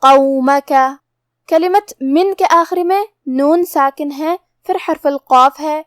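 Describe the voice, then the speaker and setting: A woman teaching Quran recitation, explaining pronunciation rules in a measured, methodical way. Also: high voice, dry recording, clean studio sound. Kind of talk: step-by-step recitation lesson.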